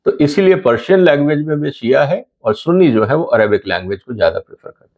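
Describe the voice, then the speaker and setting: A man's voice: mid-range voice, animated, fast talker, dull audio. A middle-aged man hosting his own channel, giving explanatory commentary to camera and asking viewers pointed rhetorical questions.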